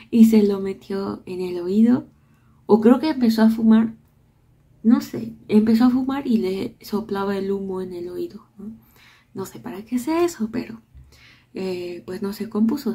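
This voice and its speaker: Soft-spoken woman. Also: medium pitch, breathy edge. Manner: soft-spoken, often drops to a near whisper. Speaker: vlogger. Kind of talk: casual storytelling of childhood memories.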